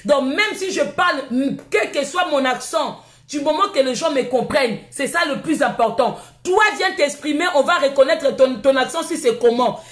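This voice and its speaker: A woman's voice: sits high, normal speed. Combative Congolese woman ranting on a live stream. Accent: Congolese French. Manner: combative, scolding, insulting. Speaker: livestream host. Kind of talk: heated live stream rant. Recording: echoey room.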